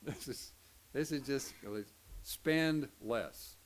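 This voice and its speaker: An older pastor with an Oklahoma Southern accent teaches a folksy Sunday school lesson, cracking jokes and acting out the voices of people he quotes. His mid-range voice moves extremely slowly, and there's slight background noise.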